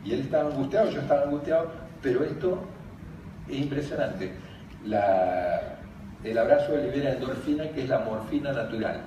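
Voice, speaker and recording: An older man with an Argentine Spanish accent, a former teacher who speaks on emotional education, gives a conference talk full of funny stories, laughing as he goes. His mid-range voice is expressive and moderately paced, but the recording is muffled, distant, very echoey from the large hall, and noisy.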